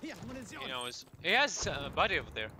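A man gaming on voice chat who reacts quickly and excitedly to the action. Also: a little high, background noise. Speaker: gamer on voice chat. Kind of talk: casual chat.

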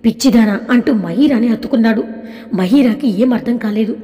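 Woman reading a story out loud, expressive, mellow tone, echoey room. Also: on the high side, fairly quick. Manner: expressive, reads all parts herself. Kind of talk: scripted story narration. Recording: echoey room with long reverb.

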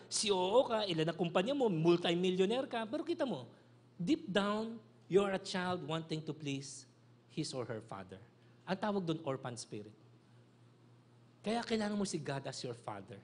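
A middle-aged male pastor from the Philippines, preaching an animated sermon in a mix of Tagalog and English. He calls out for amens and drops to a soft, low voice on key phrases.

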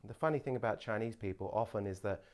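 A fast-talking urban explorer vlogger in his thirties, with a lowish voice and steady tone, casually tours an abandoned dormitory building indoors. He curiously explains what he comes across, filming on a phone held at arm's length, and loud music plays over him.

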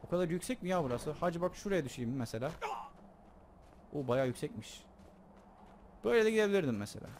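A young man casually commenting on his own gameplay, joking and excitable, talking to his viewers. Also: on the high side, fast, long pauses, slight background noise. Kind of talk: casual let's play commentary.

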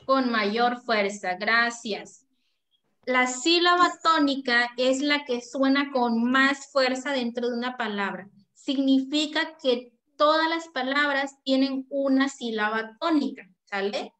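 A woman's voice: high voice, takes it slowly, pushed and bright, echoey room. A woman teacher giving an online class, affectionate, often checking in with the pupils. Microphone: video call.

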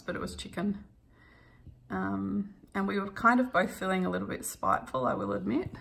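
A woman vlogger casually telling a travel story while she stitches at home, laughing often and filling pauses with ums. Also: medium pitch, vocal fry, fairly bright tone.

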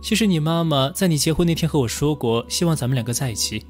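A man's voice: a little high, expressive, quick pace, faint music behind, close to an everyday voice. A man voicing a young woman who is a lovelorn former lover, reading her lines plainly without changing his voice. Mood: tender.

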